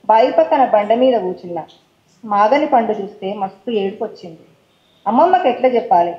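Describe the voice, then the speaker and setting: A woman's voice: mid-range voice, lively intonation, a little fast, roomy sound, dull audio. Woman reciting poetry in a Telangana accent. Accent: Telangana Telugu. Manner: casual talk mixed with English words; rhythmic recitation of verse. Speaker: poet reading her own work. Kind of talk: poetry recital with chatty introductions. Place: stage at a poetry forum event.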